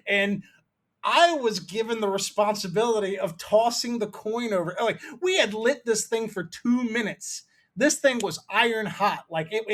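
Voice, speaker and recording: A man's voice: sits high, fairly bright tone. A man in his thirties from Maryland, co-hosting a podcast and telling a rambling, profane story in casual chat. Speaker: podcast co-host.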